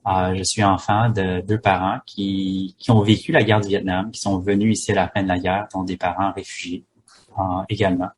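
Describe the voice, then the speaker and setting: A man's voice: deep voice, normal speed. A man, a pharmacist guest speaking in a hesitant way with many fillers and restarts. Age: 30s. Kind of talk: casual interview talk.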